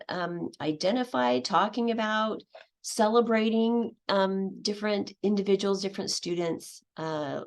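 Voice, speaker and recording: On a video call, a woman gives a conference presentation casually, taking audience questions and using many fillers and restarts. Her voice is mid-range and a little mellow.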